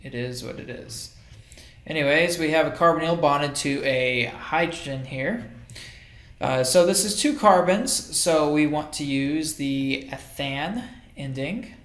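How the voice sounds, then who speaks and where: A man walks through a chemistry lesson in an easygoing, unscripted way, pausing to think and fixing his own slips as he goes. His voice sits a little high for a man. The recording carries a noticeable room echo. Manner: relaxed, thinking aloud with fillers and self-corrections. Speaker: chemistry lecturer. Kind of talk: casual recorded lecture over slides. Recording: roomy echo.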